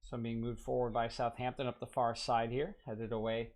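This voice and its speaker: A man's voice: mid-range voice, little pitch movement, normal speed, a little mellow. A man giving casual live play-by-play football commentary from home, often correcting himself on player names.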